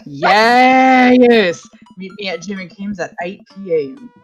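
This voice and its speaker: A woman's voice: medium pitch, level tone, fairly quick, faint music behind, natural voice. A woman voicing a rowdy male drinking buddy in a put-on Texan accent, teasing and drawn out. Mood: excited.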